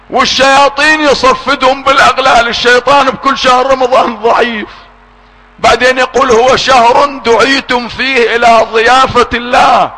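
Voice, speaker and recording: High, bright-voiced impassioned male preacher. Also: vocal fry, low-quality recording. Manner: impassioned, swinging between hushed and shouted. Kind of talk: sermon.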